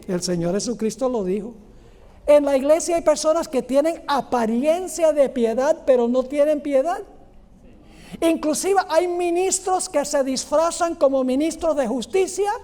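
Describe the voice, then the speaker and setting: A man preaching a sermon as a pastor, animated, acting out the people in a parable with sudden jumps in pitch.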